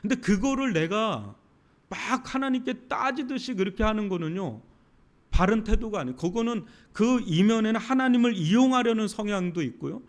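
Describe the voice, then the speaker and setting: A man preaching from the pulpit with a high voice that rises and falls widely. He acts out pleading prayers, then drops to a hushed tone, and repeats key phrases for emphasis. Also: expressive, moderate pace. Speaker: pastor. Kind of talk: sermon at a Friday night prayer service.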